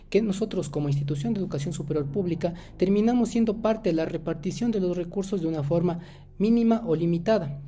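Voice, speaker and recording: A man from Ecuador, giving a prepared academic talk as a doctoral student, measured and asking himself rhetorical questions. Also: a little high, dark tone, slight background noise.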